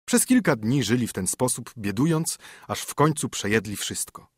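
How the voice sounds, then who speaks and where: A man narrating a fairy tale audiobook in a measured storytelling manner, close to a studio microphone. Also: medium pitch, expressive, slightly rough, no room sound.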